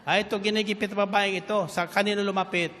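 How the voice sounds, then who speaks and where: A male preacher with a fairly high voice delivers an animated sermon, moving between Filipino and English scripture reading and calling out to his listeners. His voice rings with a long reverb, and a faint hum of room ambience sits behind it. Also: fast.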